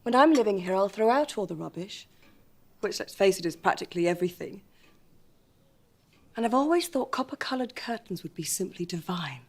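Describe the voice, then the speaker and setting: Brazen young English socialite, period TV drama, languid and haughty, mid-range voice, utterly self-assured. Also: female voice, mid-range voice, lively intonation, brisk, husky. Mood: airy, haughty. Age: young adult. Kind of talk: period television drama acting.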